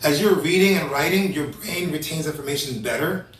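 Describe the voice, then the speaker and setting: A man in his thirties hosting a casual talk show, energetic and rambling, often restarting his sentences. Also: on the high side, a little fast, roomy sound, distant mic, slight background noise, rough recording. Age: 30s. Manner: energetic, rambling, self-correcting. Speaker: host.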